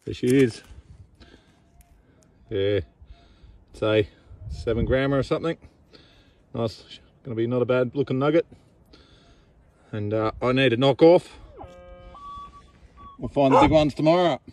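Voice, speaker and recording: A man's voice: medium pitch, unhurried, pauses often, darkish tone. A man vlogging casually as a gold prospector in a laconic, understated way, recorded outdoors. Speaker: gold prospector filming finds. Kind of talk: casual field vlog. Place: outdoors at a gold digging site. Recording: clearly noisy outdoor handheld recording.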